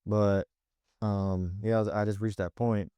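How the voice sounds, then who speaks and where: Mellow, smooth-voiced young man. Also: fairly low pitch, measured pace, no room sound, clean studio sound. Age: young adult. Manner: relaxed and candid, with many likes and restarts. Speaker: podcast co-host and Navy recruit. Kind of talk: casual reflective chat.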